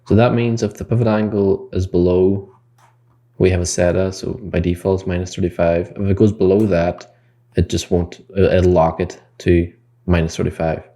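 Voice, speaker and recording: Deep gravelly man explaining code. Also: little pitch movement, moderate pace, mellow. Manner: explains code step by step, thinking aloud; corrects himself mid-sentence. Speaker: game development tutor. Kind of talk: screen-recorded coding tutorial.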